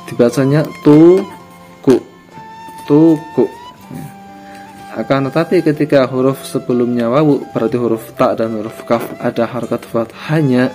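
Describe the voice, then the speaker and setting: A man's voice: medium pitch, a little mellow. A man teaching a lesson on reading a script, patiently repeating examples and correcting his own slips. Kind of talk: screen lesson on Pegon script.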